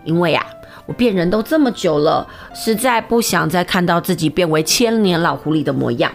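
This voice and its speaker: A woman's voice: lowish voice, lively intonation, fairly quick, vocal fry, soft background music. Pleading sad fox spirit girl, storybook tale, lady reading puts her on. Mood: sorrowful. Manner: pleading, plaintive. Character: thousand-year-old female fox spirit posing as a maid, sorrowful.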